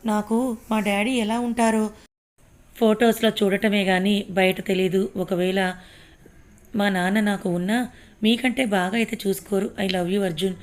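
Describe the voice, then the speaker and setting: A woman's voice: mid-range voice, little pitch movement, measured pace, lightly acted. A woman voicing a tipsy, childish, clingy young woman who whines and pouts. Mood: tearful. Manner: whiny and pouting.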